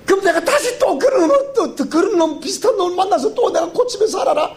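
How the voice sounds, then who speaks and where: A man's voice: very high voice, expressive, a little fast, darkish tone, pitched above the performer's own voice. A man voicing a feisty old grandmother with a Gyeongsang accent, scolding and laughing about her stubborn husband. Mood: exasperated.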